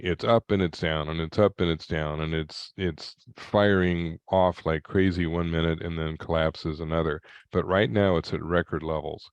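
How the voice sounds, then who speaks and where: Deep-voiced wry economist presenting. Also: male voice, no echo, lo-fi sound. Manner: dry, wry storytelling with folksy humor. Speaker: economist giving a webinar talk. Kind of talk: webinar presentation.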